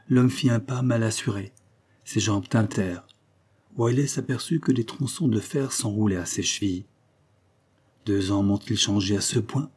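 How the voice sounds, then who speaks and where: A man reading a novel aloud at a measured, even pace. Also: lowish voice, breathy edge. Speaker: audiobook narrator. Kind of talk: scripted narration.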